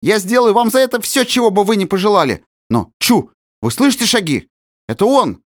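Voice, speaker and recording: A man voicing a cowardly, fawning teenage boy who squeals in a shrill voice, in an audiobook. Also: very animated, a little fast, no echo, studio quality. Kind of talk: audiobook character voice.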